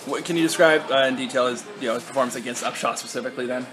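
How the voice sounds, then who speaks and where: A man working as a reporter, asking quick, direct questions at a press interview. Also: mid-range voice, a bit bright, a little hiss or hum.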